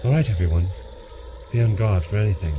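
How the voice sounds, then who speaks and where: An actor playing a commanding, wry alien time-traveller in an audio drama, with an assured, theatrical delivery. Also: male voice, fairly low pitch, fast talker, background noise, natural voice. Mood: measured, assured.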